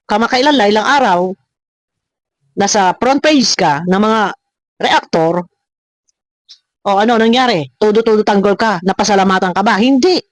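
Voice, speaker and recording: A woman's voice: on the high side, no echo. A woman hosting a reaction video, talking straight to her critics in a confrontational rant full of repeated words and rhetorical questions. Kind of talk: ranting reaction commentary.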